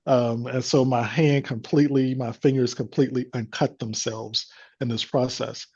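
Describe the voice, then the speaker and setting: A man's voice: medium pitch, little pitch movement, normal speed, a little mellow, husky, muffled recording. A man telling a personal faith story as a guest, in an earnest, devout manner. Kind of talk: personal testimony.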